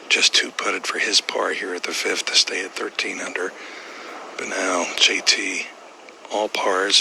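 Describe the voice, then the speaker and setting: A man's voice: deep voice, pushed and bright, slight background noise, poor audio. A man reporting from out on the course as a golf commentator, talking through each putt and shot live. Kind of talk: live golf commentary, describing putts step by step.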